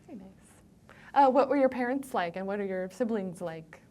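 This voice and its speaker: A woman interviewing, asking questions gently and rephrasing them to help the speaker understand. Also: mid-range voice, expressive, a little fast. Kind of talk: oral history interview.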